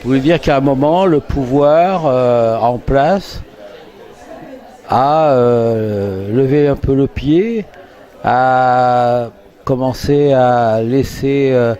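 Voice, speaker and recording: A man's voice: medium pitch, drawn-out words, warm tone, dull audio. A man from France working as a journalist, conducting a conversational interview and often searching for his words.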